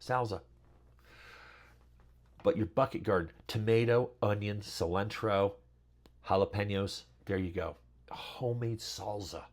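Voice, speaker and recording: A man's voice: on the low side, moderate pace, a little mellow. A middle-aged man hosting a casual how-to talk, rambling with lots of fillers and chatty asides. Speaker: channel host.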